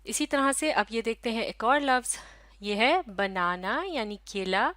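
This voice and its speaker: A woman teacher with a Pakistani Urdu accent, giving a recorded lesson to children, stretching out syllables slowly and asking questions that she answers herself. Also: on the high side, lively intonation, fairly bright tone, no room sound. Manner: slow, careful, drawn-out syllables for children. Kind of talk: recorded classroom lecture.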